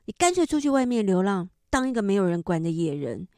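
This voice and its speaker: Woman doing a furious mother, high, loud, wailing accusations; mellow tone, dry close sound. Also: lively intonation, moderate pace, no echo, close to an everyday voice. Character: furious despairing middle-aged mother scolding her son.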